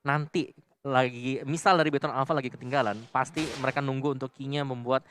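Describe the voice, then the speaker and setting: A man's voice: medium pitch, steady tone, fast talker, fairly bright tone, faint music behind. A man giving analytical commentary on an esports match as a caster.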